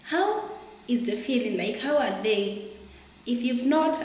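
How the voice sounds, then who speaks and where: A woman's voice: fairly high pitch, a little hiss or hum. A woman vlogger giving casual, chatty commentary while cooking in her home kitchen, often laughing and calling viewers "guys". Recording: echoey kitchen with frying sizzle.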